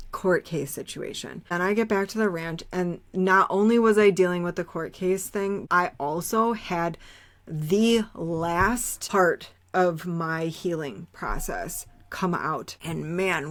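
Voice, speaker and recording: Blunt, swearing woman podcaster, lower voice. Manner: candid, blunt, swears freely; rambling, with many fillers and restarts. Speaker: podcast host. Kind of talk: casual spiritual monologue.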